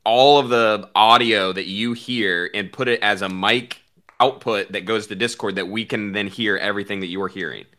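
A man's voice: lowish voice, fairly even intonation, normal speed, pushed and bright. A man co-hosting a podcast in casual chat, wry and explanatory, with many fillers. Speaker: podcast co-host.

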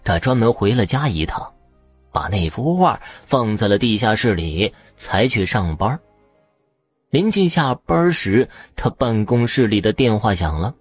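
A man narrating an audio story in an expressive, dramatic way. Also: fairly low pitch, a little slow, breathy edge, dry recording, soft background music.

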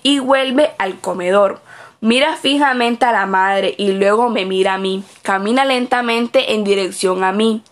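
A woman's voice: medium pitch, measured pace. A woman reading aloud her written observation report as a student observer, with small slips and self-corrections.

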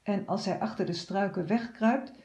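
A woman calmly reading a children's story aloud. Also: mid-range voice, moderate pace.

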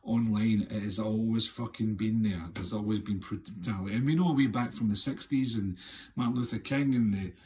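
A man's voice: fairly even intonation, moderate pace, darkish tone, slight background noise. A man in his fifties, a filmmaker and actor ranting on his podcast, passionate and swearing a lot, in a poor-quality recording made with the camera set too far away. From Scotland. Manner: impassioned, heavy swearing, rhetorical questions. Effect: low-quality sound from a camera set too far away. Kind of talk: raw unscripted monologue rant. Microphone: camera microphone, not close.

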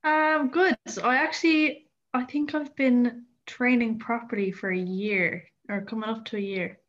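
A woman's voice: fairly high pitch, fairly even intonation, measured pace, highs cut off. A twenty-year-old woman from County Clare with an Irish accent, chatting casually as a podcast guest. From County Clare, Ireland. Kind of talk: casual interview chat.

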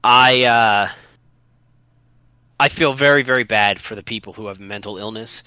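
Man, podcast co-host, casual chat, many restarts, low forceful voice, lo-fi sound. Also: normal speed, clean tone, no echo. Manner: rambling, many restarts and fillers, earnest.

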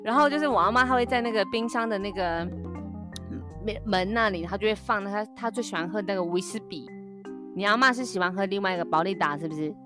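Co-host, young woman, Taiwanese Mandarin accent, animated anecdotes with acted voices. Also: medium pitch, fast talker, music in the background. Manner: animated storyteller who acts out quoted voices. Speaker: podcast co-host. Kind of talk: casual chat.

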